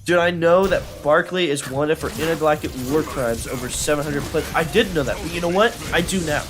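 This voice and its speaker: A young adult man streaming a video game, talking in an excitable, rambling way with many fillers and restarts as he plays. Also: on the high side, fairly quick, music in the background. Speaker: gaming streamer. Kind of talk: live gameplay commentary.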